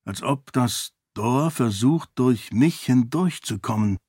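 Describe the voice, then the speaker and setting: A man's voice: medium pitch, animated, takes it slowly, darkish tone, breathy edge, no echo, studio quality. Raoden, a man voicing a strained young prince. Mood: troubled. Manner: tense, strained. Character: young exiled prince in pain.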